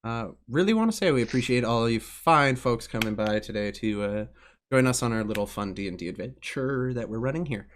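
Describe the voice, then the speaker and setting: A man's voice: mid-range voice, expressive, a little fast, a little hiss or hum. A young man running a tabletop game on a live stream, casual with many fillers. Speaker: game master.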